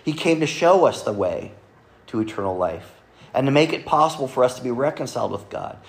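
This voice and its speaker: A man preaching a Sunday sermon to a congregation, earnestly quoting scripture and often dropping to a soft, quiet delivery. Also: mid-range voice, lively intonation, a little fast. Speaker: pastor. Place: church service with congregation.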